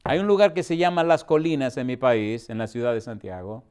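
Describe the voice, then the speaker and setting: A man's voice: mid-range voice, expressive, fairly quick, a little mellow, smooth. A middle-aged male pastor from the Dominican Republic, preaching a storytelling sermon with rhetorical questions and acted-out dialogue.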